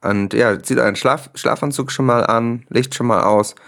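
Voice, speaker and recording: A man hosting a comedy podcast, talking deadpan and fake-earnest with hesitant restarts. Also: mid-range voice, moderate pace, vocal fry. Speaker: podcast host.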